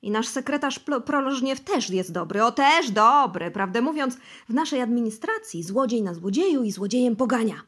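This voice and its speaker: A woman voicing a heavyset, frightened middle-aged official who pleads, shouts and swears his innocence in an audiobook. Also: on the high side, animated, slow, few pauses, slightly rough, voice pushed up, heavily acted. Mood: pleading. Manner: shouting, pleading, crossing himself.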